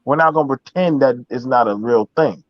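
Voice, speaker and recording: A man's voice: medium pitch, brisk, no echo, highs cut off. A man in a casual, heated online discussion, speaking emphatically and repetitively with heavy swearing.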